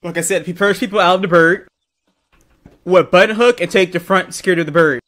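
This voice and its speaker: Higher-voiced male military game instructor. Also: quick pace, fairly bright tone. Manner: directive, corrects and quizzes trainees. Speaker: military-sim drill instructor. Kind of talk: instructional briefing in game roleplay.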